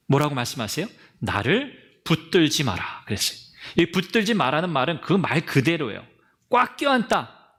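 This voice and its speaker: A male pastor delivers a Sunday sermon as vivid storytelling. His voice sits a little high and swings widely in pitch. He often addresses the congregation directly and acts out the lines of the people in the story. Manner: animated storytelling, acting out quotes.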